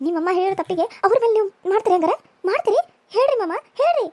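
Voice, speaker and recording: A woman's voice: very high voice, very animated, very fast, a little mellow, dry recording, pitched above the performer's own voice. A woman voicing a tearful, indignant young bride who protests shrilly.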